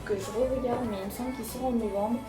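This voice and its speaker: Talking fast in a fairly even, high-leaning voice, a young woman chats about manga she's bought, stumbling through fillers and restarts. She's a manga vlogger doing a casual purchase showcase, recorded in an echoey room with background music.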